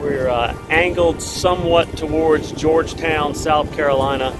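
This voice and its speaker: A man's voice: fairly high pitch, fairly even intonation, a little slow, over loud music. A man narrating a sailing vlog from his boat, talking casually and rambling a little with fillers. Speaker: sailing vlogger. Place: on a sailboat at sea.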